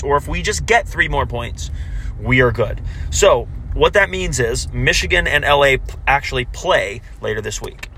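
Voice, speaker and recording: A man co-hosting a casual soccer recap, correcting himself as he goes, heard on low-quality audio recorded while driving in a car. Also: bright, forceful tone, slight background noise. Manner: talks through standings with frequent self-corrections. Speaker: podcast co-host. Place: moving car.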